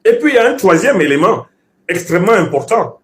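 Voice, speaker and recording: A Bassa-raised man offers political commentary in a slightly high voice with wide pitch movement. Emphatic and professorial, he lectures in an orator's style, repeating himself to drive points home, with big pitch swings and a slightly quick pace.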